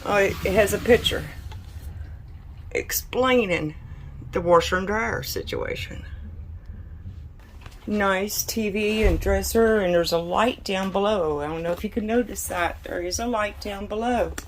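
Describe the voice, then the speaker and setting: A woman's voice: medium pitch, unhurried. A woman giving a casual walkthrough commentary as a vlogger inside a small camper trailer. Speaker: vlogger touring RVs. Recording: clear background noise, room ambience.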